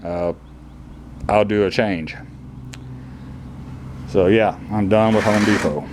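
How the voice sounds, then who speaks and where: A man's voice: lowish voice, fairly even intonation, slow pace, noisy background. A man on a casual DIY vlog, talking bluntly with plain rural slang while showing off a concrete floor in an old kennel building. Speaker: DIY vlogger.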